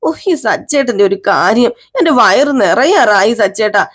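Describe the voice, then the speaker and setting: A woman voicing a gentle young wife who answers her husband softly and bashfully. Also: mid-range voice, lively intonation, normal speed, natural voice.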